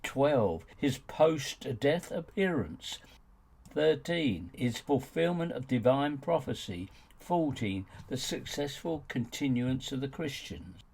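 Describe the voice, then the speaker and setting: Reading his own argumentative nonfiction audiobook, this man delivers scripted narration in a husky, gravelly voice with emphatic, rhetorical force. He speaks slowly with a medium pitch, darkish tone, and big swings in pitch, and the audio is poor.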